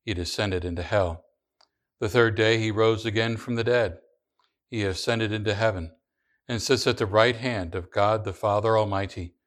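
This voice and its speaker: A man leading a congregation in the creed and prayers, reading in a slow, measured recitation with small restarts. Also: on the low side, fairly even intonation. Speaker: pastor.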